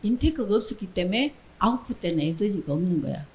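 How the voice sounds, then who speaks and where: A woman giving a Sunday school sermon to children in a church, lively, asking questions and answering them herself, acting out quoted lines. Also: mid-range voice, fast talker, rough recording. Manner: acts out short quoted lines in character voices.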